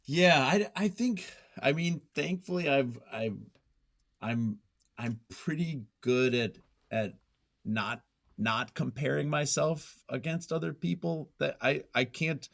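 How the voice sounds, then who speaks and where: Speaking slowly in a gravelly, slightly bright, higher-pitched voice, a male nonfiction writer appears as a podcast guest. He talks casually and reflectively, thinking aloud in a hesitant, self-effacing way.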